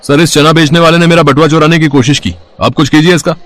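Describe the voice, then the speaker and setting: A man voicing an angry male train passenger in a cartoon story, shouting and furious. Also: on the high side, fairly even intonation, quick pace, close to an everyday voice.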